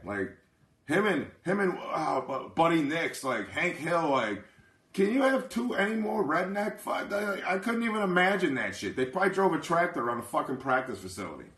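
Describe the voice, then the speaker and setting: Male host, casual live chat, brash and profane, rambling; a touch high, sharp tone, echoey room. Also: expressive, normal speed. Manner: keeps asking "you know what I mean". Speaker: livestream host.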